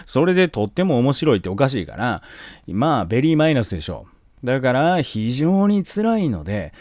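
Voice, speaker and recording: A man's voice: mid-range voice, a little fast, dry recording, clean studio sound. A man teaching an exam-prep lesson on classical literature with a Kansai accent, joking and acting out scenes as he explains. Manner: joking, animated, acts out scenes.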